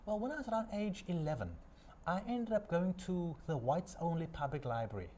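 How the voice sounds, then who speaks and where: A man from South Africa with a South African accent, a studio guest telling his life story in a measured, inspirational way. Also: sits high, lively intonation, a little mellow. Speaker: guest, sailor and keynote speaker. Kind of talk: interview storytelling.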